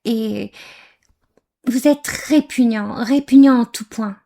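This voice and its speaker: A woman from Algeria speaks slowly in a slightly high, gravelly, mellow voice as she reacts to a video. Her commentary is angry, scornful and insulting, and she hesitates frequently, leaning on lots of fillers.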